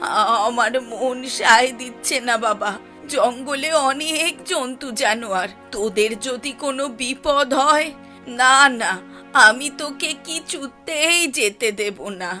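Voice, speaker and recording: A woman's voice: sits high, unhurried, pushed and bright, faint music behind. A woman voicing a worried cartoon mother. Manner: pleading, anxious. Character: worried mother and frightened young daughter.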